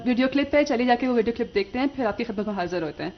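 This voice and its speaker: A woman's voice: fairly high pitch, lively intonation, highs cut off. A woman co-hosting a TV morning show, friendly and affirming, leading the segments. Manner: friendly, frequent affirming interjections. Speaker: co-host. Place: TV studio.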